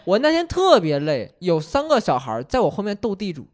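A man telling a comic story in casual chat on a comedy podcast, animated and full of quick restarts. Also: sits high.

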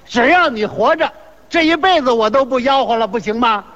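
A man's voice: very high voice, animated, a little fast, fairly bright tone. A man performing comic crosstalk, firing back teasing retorts and sing-song vendor cries. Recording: dull lo-fi recording.

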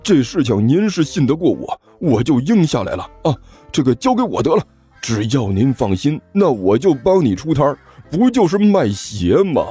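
A man's voice: medium pitch, sing-song, normal speed, mellow, slightly rough, soft background music, voice pushed up. A man voicing a nervous young male sidekick who stammers and pleads. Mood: flustered.

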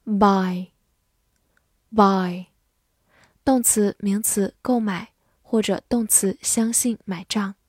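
A woman teaching English vocabulary in a scripted lesson, reading each example sentence slowly and carefully. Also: medium pitch, fairly even intonation, mellow, slightly rough, dry recording, clean studio sound.

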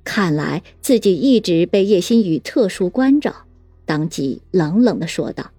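A woman's voice: lowish voice, lively intonation, measured pace, dark tone, slightly rough, no room sound, soft background music. A woman narrating a serialized detective novel, moving between plain narration and teasing character voices. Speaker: audiobook narrator.

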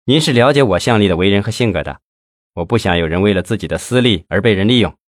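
A man voicing a confident, blunt businesswoman who teases her host with sharp, mocking frankness. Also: on the low side, animated, fast talker, no room sound, clean studio sound, natural voice. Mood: firm. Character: confident businesswoman, company chairwoman, teasing and blunt.

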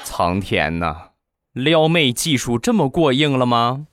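A man, hosting a podcast and telling comic stories in a chatty, relaxed way. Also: mid-range voice, unhurried, loud music behind the voice. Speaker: podcast host. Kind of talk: comic storytelling.

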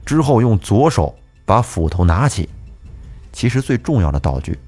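A man with a very low voice narrates a spooky tale as the show's host. His delivery is steady and measured, and faint music plays softly underneath. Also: breathy edge. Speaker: podcast host. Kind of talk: storytelling narration. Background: faint background music.

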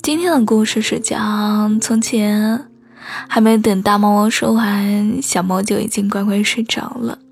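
A woman whispering a bedtime story slowly and soothingly, in a girlfriend whispered role-play, close to the microphone. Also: mid-range voice, fairly even intonation, vocal fry, soft background music. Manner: soft, hushed, slow and soothing.

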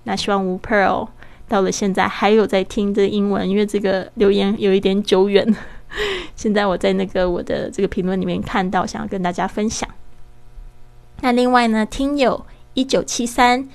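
Podcast host, female; patient step-by-step English teacher who slows down to demo pronunciation. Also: mid-range voice, fairly even intonation, gravelly, a little mellow.

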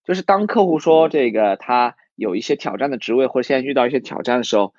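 A man's voice: medium pitch, expressive, quick pace, darkish tone, no room sound, highs cut off. A man giving a casual livestream lesson on recruiting sales, talking loosely with plenty of fillers and restarts and putting questions to his audience. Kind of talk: livestream teaching talk.

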